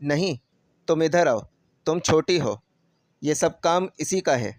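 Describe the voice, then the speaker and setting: Figure: a man voicing a harsh stepmother. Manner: sharp, scolding. Pitch: raised. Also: no room sound, lightly acted. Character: harsh cruel stepmother, middle-aged woman.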